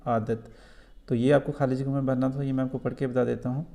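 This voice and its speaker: A man with a Kashmiri accent takes young students through a school lesson. He explains patiently and says things twice. His voice is warm and mellow at a middle pitch. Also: flat delivery, creaky. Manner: patient, repeats points slowly for children. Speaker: teacher.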